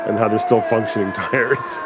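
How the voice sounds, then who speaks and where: A man's voice: fairly low pitch, steady tone, moderate pace, over loud music. A man giving casual, conversational colour commentary on a live race, sounding amazed and often repeating himself.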